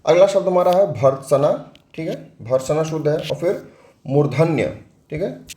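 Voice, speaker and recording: Hindi-accent guy teaching spelling, kinda high mellow voice, asks stuff then answers it himself, echoey room. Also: lively intonation, moderate pace. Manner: explains step by step, asks and answers own questions. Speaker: exam-prep teacher. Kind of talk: spelling lesson for exam prep.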